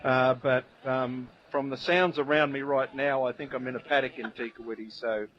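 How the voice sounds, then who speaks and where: A man's voice: medium pitch, fairly even intonation, normal speed. A man with a broad New Zealand accent presenting in casual group banter, hesitant and jokey as he stalls. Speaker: radio show presenter of a New Zealand segment. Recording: dull lo-fi audio with vehicle-like background noise.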